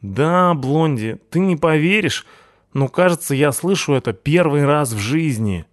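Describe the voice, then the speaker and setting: A man voicing an excitable young male punk who talks in gushing slang. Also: fairly high pitch, a little slow, no room sound, studio quality, pitched above the performer's own voice. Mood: excited gushing.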